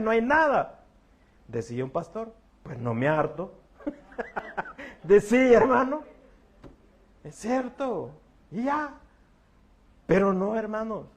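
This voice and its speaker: Male pastor, middle-aged, high-pitched voice, folksy and joking sermon delivery, talks to the congregation as brother. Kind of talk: evening church sermon.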